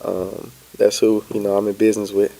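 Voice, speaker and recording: A young man from Florida, a podcast guest telling his story in an easygoing, relaxed way. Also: fairly low pitch, a little fast, vocal fry. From Pensacola, Florida. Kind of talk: casual interview chat.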